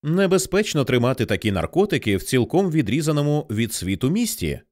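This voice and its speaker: A man narrating an audiobook in an expressive storytelling manner. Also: mid-range voice, brisk. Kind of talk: scripted narration.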